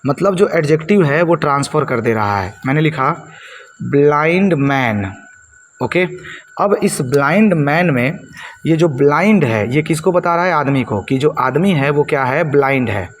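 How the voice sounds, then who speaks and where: A man's voice: on the high side, expressive, normal speed, slight background noise. A man teaching poetic devices, asking and answering his own questions and repeating key words for his students. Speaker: English teacher. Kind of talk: blackboard lesson explaining poetic devices.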